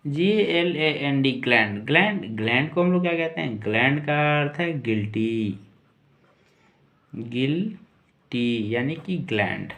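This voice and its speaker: Slow, lively-pitched male teacher. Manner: slow, spells words letter by letter and repeats them. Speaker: English teacher. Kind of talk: spoken-word lesson.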